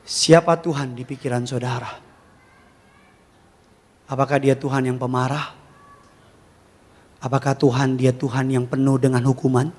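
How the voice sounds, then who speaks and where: A man preaching a sermon as a pastor, animated and humorous, firing rhetorical questions at his congregation. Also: medium pitch, a little slow, pauses often. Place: large church hall. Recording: long church reverb.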